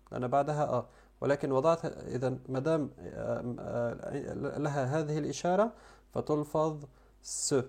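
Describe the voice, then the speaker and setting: A man whose first language is Arabic, teaching French pronunciation and slowly repeating each sound and word. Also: on the high side, darkish tone. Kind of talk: language lesson.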